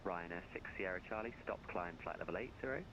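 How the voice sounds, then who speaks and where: A man working as an air traffic controller, giving clipped radio instructions while his mic keeps cutting out, so his volume comes and goes. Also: low voice. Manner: brisk, routine, fumbles briefly when searching. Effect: mic keeps cutting out, uneven volume. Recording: lo-fi noisy radio line.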